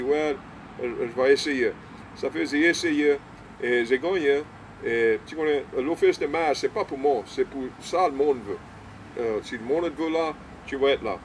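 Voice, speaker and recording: An older man from Louisiana with a Cajun French accent, chatting in a halting, repetitive way and mixing in English words. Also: medium pitch, slight background noise, low-quality recording. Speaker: small-town mayor being interviewed. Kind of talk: casual conversational interview.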